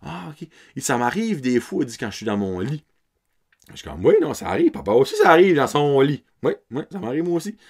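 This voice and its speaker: A man's voice: on the high side, wildly swooping pitch, fairly quick, a little mellow. A man in his thirties with an Acadian French accent, hosting a podcast and telling a story in a casual, laughing way, dropping English words into his French. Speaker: podcast host.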